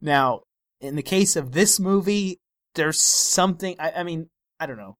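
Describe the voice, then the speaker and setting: A man's voice: a little high, measured pace, no echo. A man co-hosting a film podcast in casual chat, often trailing off and searching for the right words. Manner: hesitant, searching for words, stretched-out phrases.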